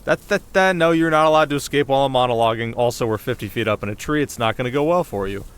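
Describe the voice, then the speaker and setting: Talking fast in a natural, medium-pitched voice, a man voices a playful, cocky young winter spirit for an ASMR roleplay, trading casual sarcasm and teasing remarks. Outdoor ambient noise sits clearly in the background.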